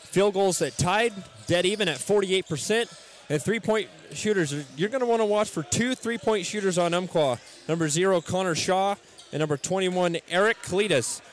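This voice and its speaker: A man's voice: sits high, normal speed. A man hosting a college basketball broadcast, welcoming listeners and running through stats with some fillers. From United States. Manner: scripted welcome, stat rundown with fillers. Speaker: play-by-play announcer. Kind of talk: pregame sports broadcast.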